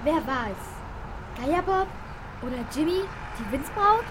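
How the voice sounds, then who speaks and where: Give me an excitable little girl, eager and impatient. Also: high voice, takes it slowly. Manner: impatient, breathless questions. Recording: noisy old recording with clicks.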